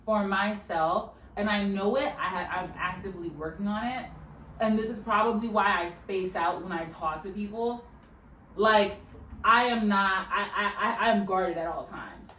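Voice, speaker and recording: A woman hosting a casual chat, talking loudly and directly with animated storytelling. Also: mid-range voice, normal speed, slight background noise. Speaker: host. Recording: echoey room, mic far off, faint ambience.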